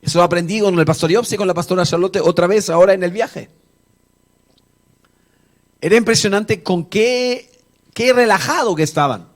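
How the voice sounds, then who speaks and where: A man, a pastor, delivers a lively, storytelling sermon in a church. His voice sits a little higher than most men's. He acts out scenes and chats easily with the congregation. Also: normal speed, long pauses. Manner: animated storytelling, acting out Bible dialogue; conversational, jokes with the congregation. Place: church service before a congregation.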